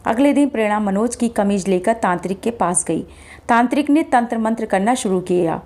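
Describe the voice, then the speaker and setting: A woman's voice: fairly high pitch, normal speed. Woman narrating a horror story. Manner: steady, dramatic storytelling.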